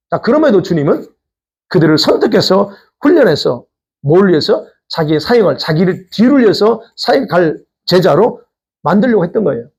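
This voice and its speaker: Pastor guy preaching, kinda high voice that jumps around a lot, raspy, asks the church questions. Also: a little mellow. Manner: conversational preaching with rhetorical questions. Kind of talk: sermon. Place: church sanctuary.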